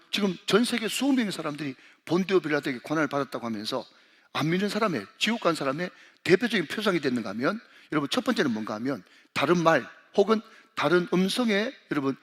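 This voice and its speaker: A man's voice: fairly high pitch, a bit bright. A man who is a senior pastor preaching a sermon, talking straight to the congregation and calling them to read along. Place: church sanctuary. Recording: long hall reverb.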